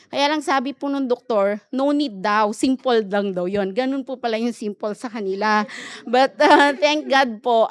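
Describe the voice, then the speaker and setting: A woman's voice: mid-range voice, clean tone, dry recording. A woman from the Philippines giving a personal testimony at a church prayer meeting, chatty and respectful in tone. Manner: chatty and respectful, with frequent polite particles.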